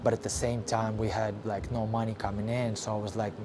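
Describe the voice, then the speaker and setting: A young man from Ukraine speaks in a somewhat low voice, telling his personal story with blunt, unpolished frankness. He pauses and restarts often, leaning on fillers and the odd curse. Steady background noise sits clearly under his voice. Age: young adult. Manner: frank, halting, with frequent fillers and swearing. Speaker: vlogger.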